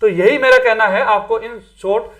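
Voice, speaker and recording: A man's voice: high-pitched, fairly even intonation, unhurried, a bit bright. A man teaching an exam-prep lesson in a chatty way, often tagging on "theek hai" and mixing in English words. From Rajasthan, India. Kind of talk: casual Hindi exam-prep lecture.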